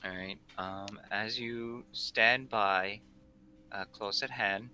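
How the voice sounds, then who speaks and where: Low, bright-voiced man running a tabletop game. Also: fairly even intonation, soft background music. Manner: halting, searching for words. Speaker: game master. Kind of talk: improvised tabletop game narration.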